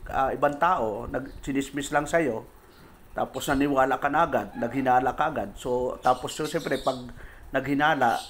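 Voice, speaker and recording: A man's voice: medium pitch, moderate pace, slight background noise. A man from the Philippines, a pastor, giving a conversational sermon, reading English scripture verses and explaining them in Tagalog to his listeners.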